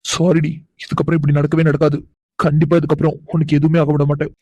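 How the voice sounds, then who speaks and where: Woman playing a fond, teasing cartoon husband: low, even, quick and warm. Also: breathy edge, dry recording. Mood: remorseful. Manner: teasing, chuckling, coaxing. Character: doting young husband, teasing and affectionate. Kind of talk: animated cartoon voice acting.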